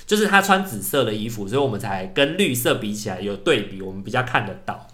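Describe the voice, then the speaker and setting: Young man, from Taiwan, podcast co-host, rapid talk, bright voice, animated storyteller. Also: lowish voice. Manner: animated storyteller who acts out shouted calls. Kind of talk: casual storytelling chat.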